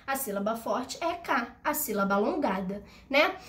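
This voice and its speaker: A woman teaching a primary school video lesson, her high voice swinging widely up and down. She explains patiently and step by step, checking in with her young pupils often. She sings out example words to show the stressed syllable. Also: expressive, normal speed, fairly bright tone.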